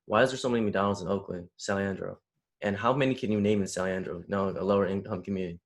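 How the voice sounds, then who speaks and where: Low-voiced young man leading a chat. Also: fairly even intonation, fast. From San Francisco Bay Area. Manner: conversational, asks questions, slangy. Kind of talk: casual discussion.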